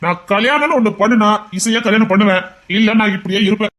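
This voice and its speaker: An actor playing a lovesick son in his twenties, who refuses an arranged marriage in a low, subdued, stubborn voice. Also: fast, fairly bright tone. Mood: stubborn, pleading. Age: 20s. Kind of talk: amateur audio drama.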